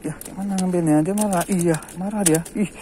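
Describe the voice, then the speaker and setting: A man with a slightly high voice narrates his fishing session outdoors. He calls out and repeats short words each time a fish bites. A light hiss of outdoor ambience and passing vehicles sits under his voice. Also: fairly even intonation, a little fast, mellow. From Aceh, Indonesia. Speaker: fishing vlogger. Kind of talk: excited live fishing commentary. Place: outdoors by the water.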